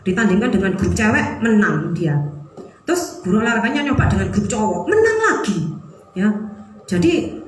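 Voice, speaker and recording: A middle-aged woman with an East Javanese accent, preaching a sermon and telling a personal story in a lively, animated way. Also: medium pitch, moderate pace, slight background noise. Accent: East Javanese (Surabaya). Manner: animated, lively, mixes in Javanese phrases, laughs while telling. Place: church hall. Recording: very echoey church hall.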